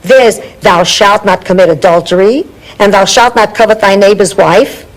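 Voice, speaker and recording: Sarcastic old italian mom in a sitcom, high swoopy voice, noisy tv audio. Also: female voice, big pitch swings, moderate pace. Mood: exasperated. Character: blunt, wisecracking old Italian mother. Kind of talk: sitcom acting.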